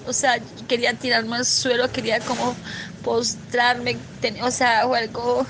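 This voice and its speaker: A woman earnestly recounting a religious vision in a spoken testimony, halting often and restarting her sentences. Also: on the high side, little pitch movement, noisy background. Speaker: believer sharing a vision testimony.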